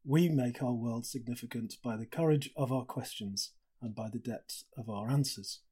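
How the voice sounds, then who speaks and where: Interviewer reading aloud: hushed and full of awe, husky, emotional, mid-range pitch. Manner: awed, hushed, slow and tender when reading aloud. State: tearful, emotional.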